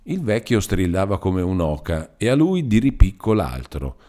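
A man narrating an audiobook chapter in an expressive, measured reading. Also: low voice. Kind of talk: scripted narration.

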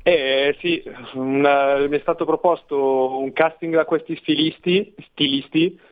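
A man's voice: a little high, steady tone, unhurried. A man in his late teens giving casual interview answers over a phone call. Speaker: fashion model, interview guest. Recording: muffled tinny phone line.

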